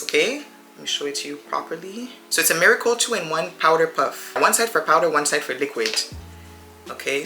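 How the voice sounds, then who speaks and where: A woman in her thirties chatting as a beauty vlogger while doing her makeup, rambling and addressing viewers as friends. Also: deep voice. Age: 30s. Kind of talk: get-ready-with-me casual chat. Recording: roomy echo with faint music behind.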